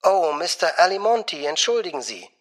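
A man voicing a gushing young female bank secretary, soft and honeyed, sometimes dropping to a whisper. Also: medium pitch, normal speed.

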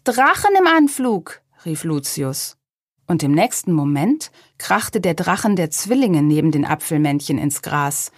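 A woman reading a children's storybook aloud in a calm, measured way. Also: low voice, husky, no echo, clean studio sound.

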